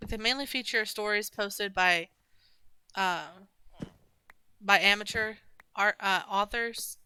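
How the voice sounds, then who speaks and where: A young woman streams herself playing a game, chatting casually and rambling with lots of restarts and fillers. Her voice is medium-pitched, slow, smooth and sharp in tone, with no echo.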